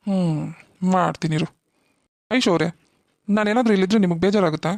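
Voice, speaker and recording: Performer doing a playful flirty cartoon guy, middle-pitched, teasing, dry close recording. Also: brisk, darkish tone, no echo, close to an everyday voice. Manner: teasing, cajoling. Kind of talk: cartoon voice acting.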